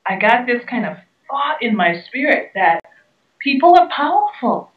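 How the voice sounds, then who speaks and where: A woman from the Bahamas answering interview questions in an earnest, emphatic way, leaning on repeated key words. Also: medium pitch. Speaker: guest speaker and entrepreneur. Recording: roomy, distant, dull sound.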